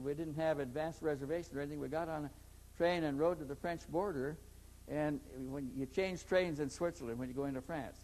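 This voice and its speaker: A man's voice: a little high, darkish tone, slight background noise, low-quality recording. An older man telling a long story in a conversational interview, rambling with many restarts. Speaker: interview guest.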